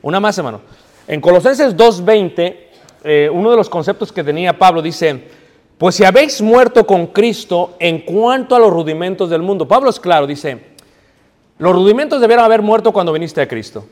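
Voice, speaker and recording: A high-pitched, expressive man with a darkish tone preaches at a normal speed in a reverberant hall. He tells stories to the congregation, asks them questions, and mixes English into the sermon.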